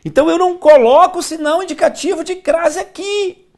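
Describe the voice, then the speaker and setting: A man's voice: very high voice, normal speed, darkish tone. A middle-aged man with a Brazilian Portuguese accent teaching grammar in a theatrical classroom lecture, talking straight to the class and repeating phrases in a singsong. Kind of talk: animated classroom lecture to camera.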